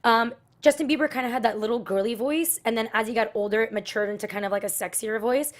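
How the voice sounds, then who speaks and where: A woman with a fairly high voice speaks quickly as host of a casual talk show. Chatty and rambling, she leads each segment with many fillers.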